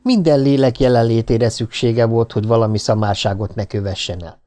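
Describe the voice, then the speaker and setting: A man narrating an audiobook with an animated, expressive reading. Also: medium pitch.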